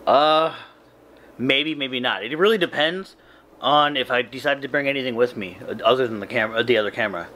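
A man in his thirties, vlogging casually in a small hotel room late at night, talking slowly and rambling with lots of fillers because he is very tired. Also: mid-range voice, sharp tone. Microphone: handheld camera close to face.

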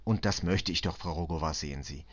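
A man as a calm, patient police detective. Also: extremely low pitch, fairly quick, lo-fi sound. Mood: reassuring. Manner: steady, reassuring. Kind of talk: audiobook reading.

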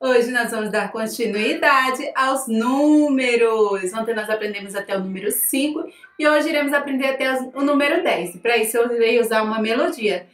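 High-voiced Brazilian woman teaching children. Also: normal speed, fairly bright tone. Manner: playful, sing-song. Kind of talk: children's counting lesson with chanting. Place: small decorated room indoors. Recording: echoey room, slightly distant microphone.

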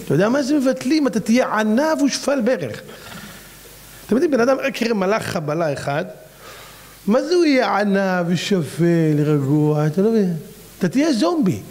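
A rabbi delivers a fiery sermon in a high, bright tenor. He hammers his listeners with rhetorical questions, his voice leaping up and dropping low as he presses each point. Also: very animated. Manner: fires off rhetorical questions with big pitch swings.

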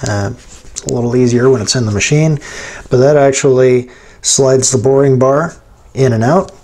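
A man's voice: mid-range voice, normal speed, darkish tone. A man hosting a machining tutorial, explaining hands-on steps in an informal, folksy way. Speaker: host of a machining how-to channel. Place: home machine shop, indoors at a lathe.

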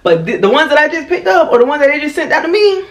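A woman with a Haitian accent, chatting in a casual product review and talking in an animated, slangy way. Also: high voice, quick pace. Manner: animated and slangy, with a lot of "you know what I mean". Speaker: beauty vlogger.

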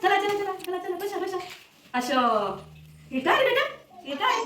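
Preschool teacher lady, coaxing and asking over and over, loud background noise, far off mic. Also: very high voice, big pitch swings, a little slow. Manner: coaxing, questioning, repetitive. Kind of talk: teaching young children. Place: preschool classroom. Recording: echoey, distant, noisy room.

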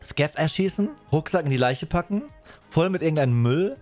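A man's voice: a little high, lively intonation, normal speed, darkish tone, soft background music. A man in his thirties chatting casually as he streams his gameplay from a room indoors. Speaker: game streamer. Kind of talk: casual live gaming chat.

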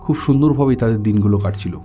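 A man narrating a first-person ghost story in a relaxed, conversational way, slipping in English words, with faint music behind. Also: lowish voice, fast talker.

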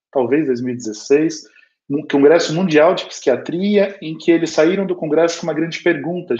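Fairly high-pitched with a darkish tone, this Brazilian-accented man in his thirties explains spiritual ideas in a relaxed, conversational lecture. He speaks over a video call from a small bookshelf-filled room at home, through dull, lo-fi audio.

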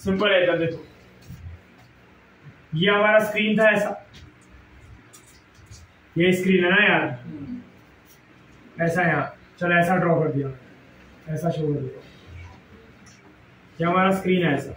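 A man's voice: sits high, steady tone, unhurried, pauses often, fairly bright tone, a little hiss or hum. A man with an Indian accent lecturing a physics class in a classroom. He mixes Hindi with English and keeps quizzing the students. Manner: quizzing students, repeating questions. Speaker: physics teacher. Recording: echoey room, mic at a distance.

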